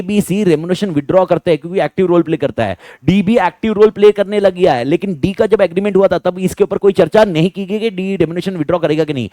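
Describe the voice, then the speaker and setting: A man teaching an exam revision class. He drills students in rapid question-and-answer bursts and hammers key points home by repeating them. His voice sits a little high and sounds close and dry. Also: a little mellow, no room sound.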